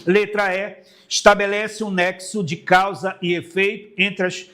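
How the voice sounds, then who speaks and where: A fairly high-pitched man from Brazil, middle-aged, teaching an exam-prep literature class. He talks straight to his students in a relaxed classroom way. He keeps asking questions and answering them himself. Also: measured pace. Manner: explanatory, asks and answers his own questions; casual classroom tone, addresses students directly. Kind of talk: exam-prep video lesson.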